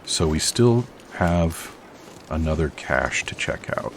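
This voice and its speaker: A man with a very deep, gravelly voice chats his way through a survival game as host of his own let's play. He rambles and pokes fun at himself as he plays. A faint hiss sits under the recording. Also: lively intonation, slow pace. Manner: chatty, rambling, self-deprecating. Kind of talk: casual game commentary.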